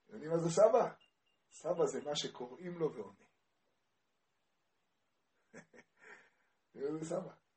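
Male Torah teacher with a high voice, storytelling lesson, animated, questions his listeners, builds to loud passion. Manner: animated, asks the audience questions, grows loud and impassioned.

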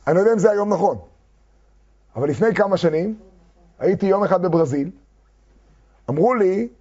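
A man teaching a Talmud lesson to a class, reading quoted texts slowly and then explaining them with fervor. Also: sits high, warm tone, slightly rough. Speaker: Torah teacher. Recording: dull lo-fi recording.

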